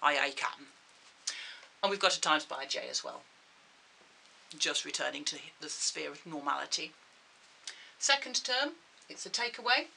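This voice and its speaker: Woman, maths teacher, very bright tone, slightly low voice, patient step-by-step explaining. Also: vocal fry, a little hiss or hum, low-quality recording. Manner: checks in with viewers. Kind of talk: video maths lesson.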